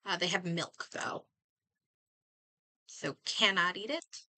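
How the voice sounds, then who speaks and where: Playing a game on a livestream, a woman mutters and thinks out loud in casual chat. She speaks slowly in a lowish, sharp-toned voice, and there is no echo.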